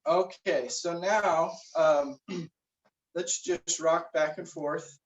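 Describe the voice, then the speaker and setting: A man leading a guided meditation and warm-up stretches, giving slow, relaxed instructions with frequent fillers. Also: on the high side. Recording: roomy, distant, dull recording.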